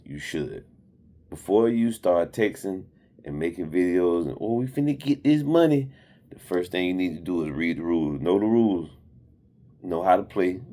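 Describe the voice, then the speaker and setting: A man's voice: low voice, a little mellow. A man in his forties who works at sea, giving blunt, rambling safety advice to young sailors in a casual vlog. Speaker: maritime worker.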